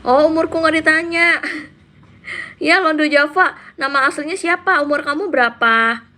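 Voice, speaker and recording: High-voiced, pushed and bright at a normal pace, a woman in her thirties runs a chatty, casual live stream where she reads viewer names and comments aloud and replies.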